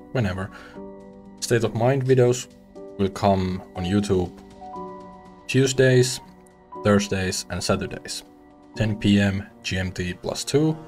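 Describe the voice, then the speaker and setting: A young man from Finland casually talking over a game he is playing for the first time, chatty and relaxed with small restarts, on a headset mic at home. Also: on the low side. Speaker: gaming streamer. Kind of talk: casual let's-play commentary.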